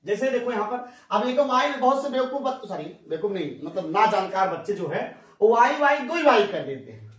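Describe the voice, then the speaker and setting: Brief: male math teacher, high voice, folksy question-and-answer style, mic far off. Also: a little fast. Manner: folksy, asks the class questions and answers them himself. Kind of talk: classroom math lesson. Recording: echoey room, mic far off.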